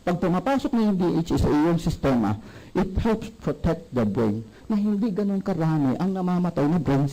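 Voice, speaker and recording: Man, sales seminar presenter, high voice, quizzes the audience. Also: low-quality recording. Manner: animated, asks the audience questions. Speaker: product presenter.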